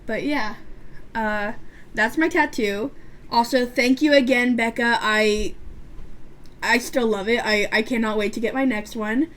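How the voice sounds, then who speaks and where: Unhurried and fairly even in intonation, a beauty vlogger of about twenty talks in a fairly high, somewhat bright voice while doing her makeup. She rambles casually, with a stutter and a lisp and lots of fillers and restarts.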